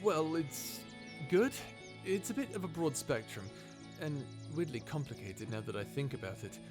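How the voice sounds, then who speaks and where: In an informal, conversational audio roleplay drama, a man plays a wry, grumbling human scientist who is the reluctant companion of a robot, sarcastic and easily exasperated. His voice is on the high side, expressive and close to an everyday voice, at normal speed over music. The mood is casual and curious.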